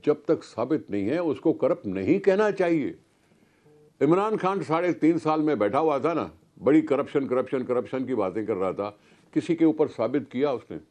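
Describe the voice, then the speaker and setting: On a talk show, a political guest with a Pakistani Urdu accent makes a forceful, argumentative case, leaning on rhetorical questions. He has a mid-range, expressive voice and keeps a moderate pace.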